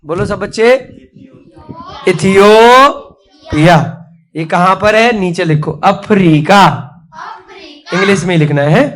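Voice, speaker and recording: A man's voice: high-pitched, normal speed. A male teacher giving a classroom spelling lesson, who spells words letter by letter and has the children repeat after him.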